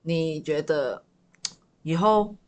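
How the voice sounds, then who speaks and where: A woman's voice: low voice, very slow, a little mellow. A woman co-hosting a casual podcast chat, asking questions and often chiming in with short interjections. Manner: frequent short backchannels and interjections. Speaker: podcast co-host.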